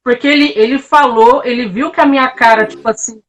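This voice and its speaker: Candid Brazilian woman, higher voice. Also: a little fast. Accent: Brazilian Portuguese. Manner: candid, expressive storyteller. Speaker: guest. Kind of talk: casual live-stream chat.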